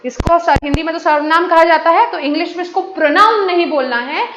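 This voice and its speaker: A woman's voice: very high voice, brisk, fairly bright tone. A woman teaching an exam-prep English grammar lesson, explaining in Hindi mixed with English and asking her class questions that she answers herself. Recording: echoey room, dull lo-fi sound.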